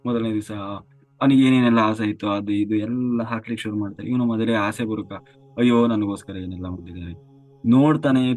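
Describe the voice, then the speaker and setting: A man's voice: on the low side, a little mellow. A man giving a spiritual talk as a story, dramatic and repetitive, often dropping to a near whisper. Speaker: spiritual teacher.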